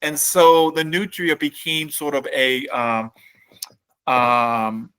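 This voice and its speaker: Relaxed middle-aged man. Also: a little high, slow pace, smooth. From New Orleans, Louisiana. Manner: relaxed storyteller, many fillers and restarts. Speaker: company CEO and guest. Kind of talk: casual podcast interview.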